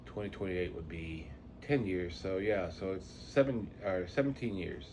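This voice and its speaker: Low-voiced middle-aged man with slurred, toothless speech. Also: normal speed, darkish tone, slight background noise. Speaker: vlogger introducing a channel. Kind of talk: unscripted reflective talk to viewers.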